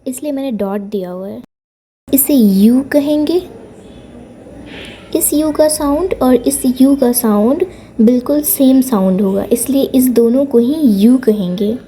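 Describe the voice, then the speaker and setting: A woman giving a patient language lesson, repeating each sound slowly to demonstrate. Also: on the high side, mellow, a little hiss or hum. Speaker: language teacher on her own channel. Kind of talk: slow explanatory lesson, mixing Hindi and English.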